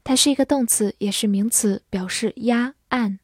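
A woman's voice: on the high side, moderate pace, breathy edge, dry recording, studio quality. A woman teaching English vocabulary, patiently explaining words and spelling them out letter by letter. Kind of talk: vocabulary lesson, slow model readings.

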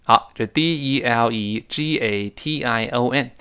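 A man's voice: medium pitch, clean tone. A man teaching English in a recorded lesson, explaining phrases and drilling pronunciation, speaking. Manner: lively, repeats and drills phrases slowly.

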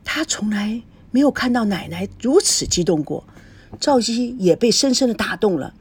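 A woman narrating a serialized audiobook novel in a slow, measured storytelling voice. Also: medium pitch, lively intonation, slightly rough.

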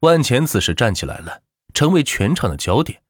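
Lively man narrating an audiobook. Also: medium pitch, fairly quick, slightly rough, no echo, studio quality. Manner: animated storytelling with expressive rises and falls.

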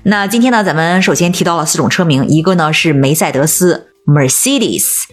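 Low-pitched woman teaching english sounds, bouncy intonation, patient, faint music behind. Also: moderate pace. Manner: explains spelling and stress patiently, bright lively delivery. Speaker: co-host of an English pronunciation podcast. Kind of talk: bilingual teaching chat.

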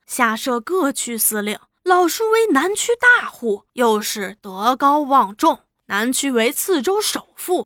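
A woman storyteller voicing a young official who flatters and pushes his case eloquently. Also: high voice, no room sound, clean studio sound, full character voice. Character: young man, smooth-talking persuasive official. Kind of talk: storytelling dialogue.

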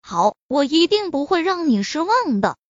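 A woman's voice: high voice, lively intonation, unhurried, no room sound. A woman voicing an earnest, slightly bashful young male graduate in an audiobook. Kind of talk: audiobook reading. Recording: dull lo-fi recording.

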